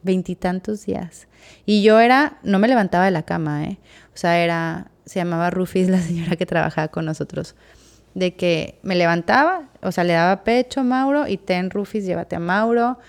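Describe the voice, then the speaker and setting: This podcast co-host is a woman with a Mexican accent whose voice sits fairly low and moves at a moderate pace. She shares a personal story candidly and reflectively, speaking frankly and leaning on fillers such as "o sea."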